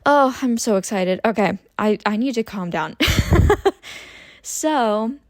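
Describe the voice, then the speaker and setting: A young woman in her twenties chatting casually about her book haul, expressive and prone to tangents. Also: medium pitch, measured pace, dry recording. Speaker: book vlogger. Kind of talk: casual chat about books.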